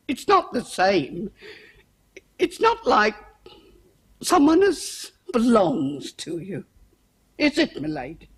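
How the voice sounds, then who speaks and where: A proud, grieving older cook. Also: female voice, mid-range voice, breathy edge, exaggerated voice. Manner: working-class speech, defensive, then tearful and lonely. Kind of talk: 1970s period television drama.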